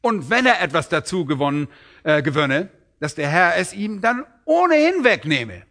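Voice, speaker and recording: A man preaching a sermon on a parable, emphatic and rising sharply in pitch when he acts out quoted lines. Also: very animated, normal speed, fairly bright tone.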